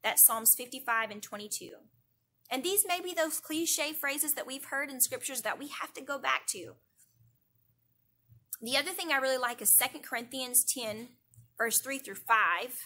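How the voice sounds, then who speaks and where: Church lady, youth director giving a devotional, kinda high and bright, repeats stuff for emphasis. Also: moderate pace. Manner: earnest, repeats phrases for emphasis, rising into prayer. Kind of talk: devotional talk. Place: indoors, online church broadcast.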